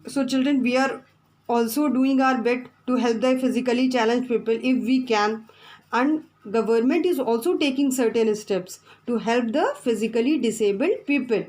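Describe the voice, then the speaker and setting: A woman's voice: on the high side, moderate pace, darkish tone, low-quality recording. A woman teacher, giving a classroom lesson from the textbook, repeating her points and spelling out words.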